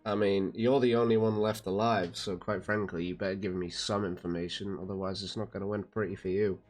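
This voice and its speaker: A man's voice: low voice, fairly even intonation, a little fast, soft background music, lightly acted. A man playing a blunt adventurer who coldly interrogates a prisoner in a tabletop game. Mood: threatening. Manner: blunt, threatening.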